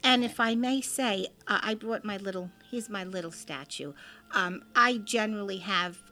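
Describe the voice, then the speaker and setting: Bright-voiced woman in religious conversation. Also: medium pitch, moderate pace, faint music behind. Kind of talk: casual religious talk and prayer reading.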